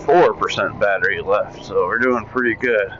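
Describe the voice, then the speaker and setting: A fairly low-voiced man talks in a relaxed, chatty way as he rides a motorcycle, heard through a motorbike helmet intercom mic. The sound is muffled and lo-fi, with a faint hum of road noise underneath. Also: moderate pace. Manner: relaxed, chatty, talking while riding. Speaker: motorcycle vlogger. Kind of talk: casual riding commentary. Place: riding a motorcycle outdoors. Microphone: cheap Bluetooth helmet headset mic.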